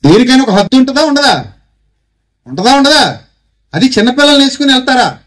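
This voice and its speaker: A man's voice: extremely high pitch, sing-song, fast talker, fairly bright tone. A man preaching a Christmas sermon with a Telugu accent, pressing his listeners with rhetorical questions and having them repeat lines after him. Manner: exhorting, calls congregation to repeat phrases. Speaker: pastor.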